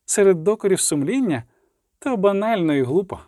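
A man's voice: high voice, expressive, brisk, mellow, dry recording, studio quality, voice pushed up. A man reading aloud and voicing a playful, sensual sorceress woman in a purring tone.

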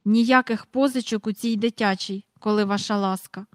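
A woman's voice: medium pitch, fairly even intonation, normal speed, dry recording, lightly acted. Woman plays stern nanny, haughty and clipped, storybook, dry. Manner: curt, sharp, haughty.

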